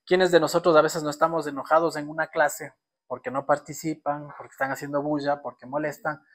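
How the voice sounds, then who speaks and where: A man's voice: a little high, level tone, a little fast, a bit bright. A man with a Quito Ecuadorian accent giving a classroom lecture, conversational and often checking in with rhetorical questions. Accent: Quito Ecuadorian Spanish. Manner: conversational, constantly checks in with students through rhetorical tag questions. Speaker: university lecturer.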